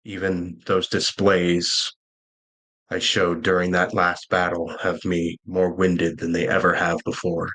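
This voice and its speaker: A man voicing an ancient, weary female dragon guardian who speaks gravely and mournfully. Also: deep voice, monotone, unhurried, fairly bright tone, voice pushed down.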